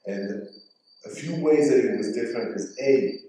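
A man's voice: medium pitch, moderate pace, dark tone. A man speaking as a panelist at a discussion, hesitant with many fillers and restarts, on a large auditorium stage. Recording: very echoey hall, distant mic.

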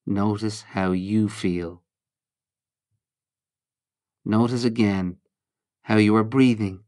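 Guiding a mindfulness meditation, a man speaks in a fairly low voice, giving calm, measured instructions in short phrases with pauses.

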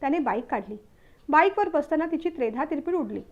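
A woman's voice: high-pitched, expressive, fairly quick, phone-quality sound. A woman narrating a family story, reading it aloud steadily and expressively.

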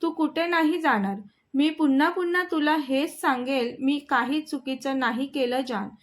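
A woman voicing a loving young husband who pleads earnestly in a low voice. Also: normal speed, lightly acted. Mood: pleading.

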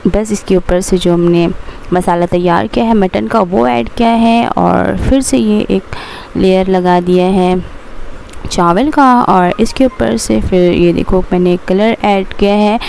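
A woman's voice: medium pitch, measured pace, gravelly, darkish tone, a little hiss or hum. A young woman chatting through her home cooking steps in a casual voice-over, explaining each step as she goes. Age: young adult. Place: home kitchen.

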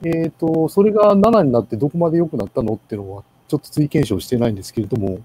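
A man giving a casual presentation in an online meeting, with many pauses and fillers. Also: a little high, animated, warm tone, slightly rough, rough recording. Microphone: video call.

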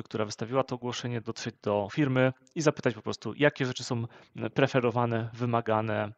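A man co-hosting a vlog, giving steady advice with frequent hesitation fillers. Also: medium pitch, creaky, dry recording. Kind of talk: casual advice chat.

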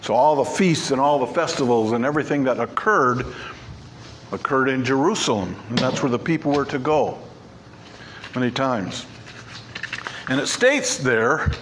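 A man's voice: medium pitch, fairly bright tone, slight background noise. Emphatic man preaching a sermon. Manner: emphatic, repeats key words. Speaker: pastor. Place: church sanctuary.

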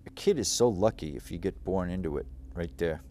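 Animated and a little fast, his low voice warm, a middle-aged man from Cape Cod, Massachusetts hosts a local show over slight background noise. He sits at a studio desk reminiscing about local history, rambling with plenty of fillers and restarts.

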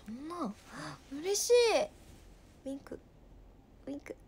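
On her livestream, a woman in her twenties from Nagasaki, Japan speaks in a high, very animated but unhurried voice, using Nagasaki dialect. She reads viewers' comments aloud and often lowers to a soft murmur.

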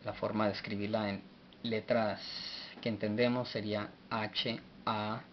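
Man, low voice, very slow, deliberate letter-by-letter teaching; dull lo-fi recording with faint hiss. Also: flat delivery. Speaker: language teacher. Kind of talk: slow spelled-out language lesson.

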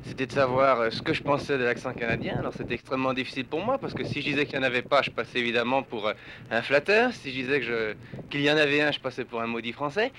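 A man from France with a French accent, giving articulate, measured answers to a street interviewer outdoors. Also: medium pitch, lively intonation. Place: outdoors on a street near a university. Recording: 1967 archival street recording with noise.

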